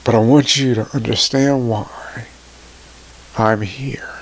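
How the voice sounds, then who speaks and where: A man in his forties speaking emotionally to his viewers, halting and tearful, his voice sometimes sinking to a near whisper. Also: medium pitch, steady tone, slight background noise. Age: 40s. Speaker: motivational vlogger. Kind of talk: emotional personal talk to camera.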